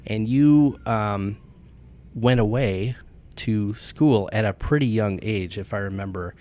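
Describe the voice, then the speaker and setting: Male interview host with a low voice, conversational, stops and restarts often. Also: slow, mellow. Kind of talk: interview with a sponsor read.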